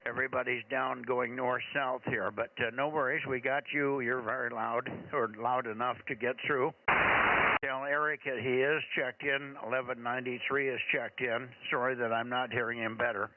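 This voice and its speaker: A man running an amateur radio net over two-way radio, chatty and rambling, with hesitant pauses between call signs. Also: medium pitch, flat delivery, phone-quality sound. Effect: two-way radio transmission. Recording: thin crackly radio, loud static and clicks.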